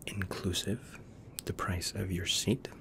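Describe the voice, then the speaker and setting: Whispered role-play: man as formal, reassuring flight attendant, low-pitched, unhurried, close-miked. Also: level tone, gravelly, fairly bright tone, slight background noise, full character voice. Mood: soothing, attentive. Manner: flight attendant's formal, soothing service patter.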